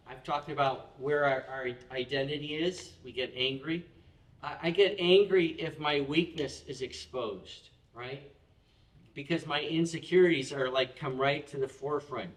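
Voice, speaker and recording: A male pastor delivers a casual, conversational sermon, slipping into the voices of people praying and chuckling at his own stories. His voice sits a little high for a man. It comes from a bit away from the mic in a reverberant chapel. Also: fairly bright tone, far from the mic. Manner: conversational, acts out quoted prayers, self-deprecating with laughs. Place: church chapel.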